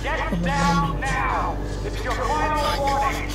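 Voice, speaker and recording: A man giving clipped, commanding police orders through a megaphone loudspeaker. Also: very high voice, lively intonation, takes it slowly, loud music behind the voice, full character voice. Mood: warning. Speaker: police warning announcer. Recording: echoey, distant loudspeaker.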